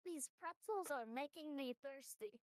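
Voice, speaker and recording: A man using a voice changer while slowly narrating his character's entrance in a tabletop game. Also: very high voice, expressive, dry recording, studio quality, pitched above the performer's own voice. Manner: slow, hesitant narration.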